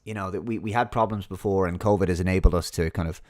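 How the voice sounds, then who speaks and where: A man's voice: deep voice, steady tone, fast talker, a little mellow, no echo, clean studio sound. A man giving a monologue commentary, reading out an article and mocking his opponents in sarcastic put-on voices.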